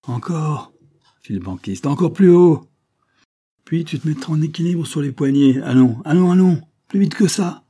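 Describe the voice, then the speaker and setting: A man's voice: medium pitch, normal speed, warm tone, slightly rough, voice pushed up, natural voice. A man voicing a brutal, bullying male fairground acrobat master who barks sneering orders. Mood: sneering, furious.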